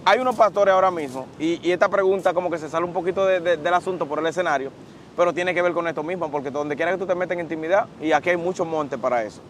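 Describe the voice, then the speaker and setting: A man's voice: on the high side, very fast, slight background noise. A young man interviewing a preacher outdoors on a beach, eagerly echoing and prompting him. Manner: eager, echoes answers. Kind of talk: casual interview with agreeing interjections.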